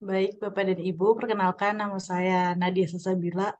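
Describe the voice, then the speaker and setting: A woman's voice: mid-range voice, level tone, normal speed, darkish tone. A woman in her twenties playing a job candidate in a mock group assessment, speaking politely and formally over a video call. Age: 20s. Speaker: job candidate in a role-play. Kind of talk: role-played group discussion assessment.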